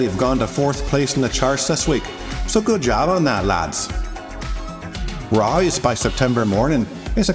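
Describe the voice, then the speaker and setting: Man playing a robot music host, fake Irish lilt, lively swooping voice, mid pitch, music playing behind. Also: natural voice. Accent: put-on Irish.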